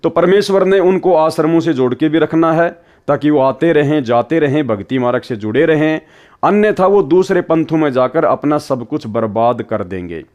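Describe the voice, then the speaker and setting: A man's voice: fairly high pitch, animated, normal speed, a little mellow, lo-fi sound. A man preaching a devotional sermon in an earnest, admonishing way, retelling a parable. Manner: earnest, admonishing, acts out quoted voices in a story.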